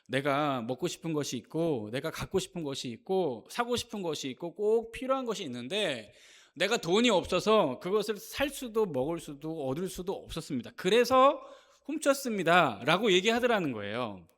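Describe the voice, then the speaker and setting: A man preaching from the pulpit in a high, bright voice that leaps up and down as he drives each point home. He presses the congregation with one rhetorical question after another. It is the forceful delivery of a pastor in full stride. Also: very animated, moderate pace. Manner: emphatic, asks the congregation many rhetorical questions. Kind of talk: Sunday sermon. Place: church sanctuary.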